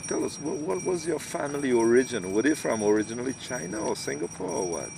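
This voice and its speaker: A man hosting an interview, asking questions in a measured way with hesitant restarts. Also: medium pitch, sing-song, gravelly. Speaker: host. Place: outdoors, in hills. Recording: noisy outdoor recording.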